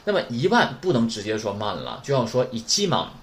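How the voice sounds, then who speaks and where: A man's voice: medium pitch, very animated, fairly quick, a little hiss or hum. A man teaching beginners Japanese numbers in a recorded lesson, drilling each word and constantly checking in with "right?".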